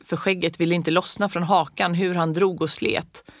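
A woman reading a story aloud in a calm, measured way. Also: on the low side, dry recording, clean studio sound. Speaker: audiobook reader. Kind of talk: scripted storybook narration.

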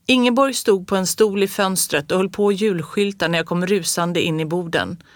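A woman reading a children's storybook aloud in a calm, even storytelling voice. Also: fairly low pitch, no echo, clean studio sound.

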